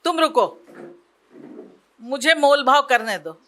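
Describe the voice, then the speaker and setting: A woman's voice: sits high, lively intonation, bright, forceful tone, exaggerated voice. A woman voicing a bossy, fussy middle-aged mother who haggles hard in a storybook tale. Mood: bargaining. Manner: brisk, bargaining, fussy.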